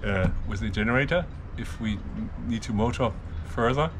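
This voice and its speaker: Squeezed into the cramped engine hatch of a catamaran moored outdoors, a boat owner in his fifties gives an interview full of technical explanations, pointing at the equipment as he talks. His voice is on the low side at a moderate pace, with a noisy background.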